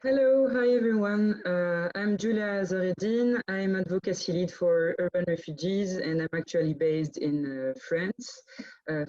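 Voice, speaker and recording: A woman who leads advocacy for an NGO speaks on an online panel, steady and full of uh fillers. Her voice stays flat in pitch, and the call audio is dry and muffled. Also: dry recording. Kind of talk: panel introduction. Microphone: video call.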